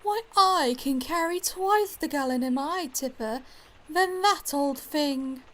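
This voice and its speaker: A man's voice: extremely high pitch, slow, bright, forceful tone, voice pushed up, full character voice. A man voicing a haughty old female steam lorry who boasts and looks down on others. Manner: boastful, snooty, then meek.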